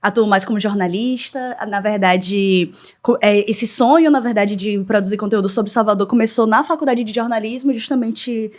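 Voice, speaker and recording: A woman, a journalist guest on a podcast, speaking in a measured, articulate way. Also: medium pitch, a little mellow. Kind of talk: casual interview chat.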